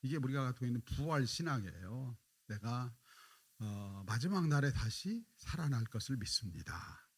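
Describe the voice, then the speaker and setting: A man leads a dawn prayer sermon in a husky voice with lively, wide-ranging pitch. He talks directly to the congregation, asks questions and answers them himself. When he quotes scripture he drops into softer, drawn-out lines. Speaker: pastor.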